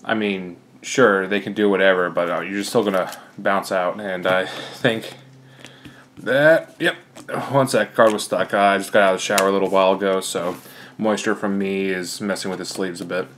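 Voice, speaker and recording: A man's voice: sits low, steady tone, fairly quick, a bit bright, a little hiss or hum. A young man, slightly out of breath, casually talking through his card deck with lots of fillers. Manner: rambling, many fillers. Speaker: card game player.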